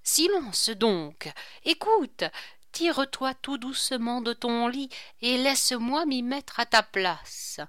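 A woman reading aloud and voicing a sly, quick-witted male court jester with a mocking, theatrical manner. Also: on the high side, lively intonation, fairly bright tone, no room sound, clean studio sound, pitched above the performer's own voice. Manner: mocking, theatrical whispers and mock pleading.

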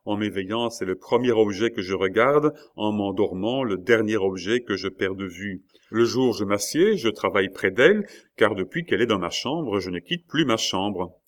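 A man with a low voice voicing a tender, devoted young woman in an audiobook reading, softly and earnestly. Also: moderate pace, close to an everyday voice.

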